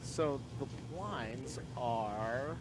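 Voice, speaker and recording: A man commentating on a live poker broadcast, talking in a halting way with many fillers and restarts. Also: medium pitch, heavy background noise.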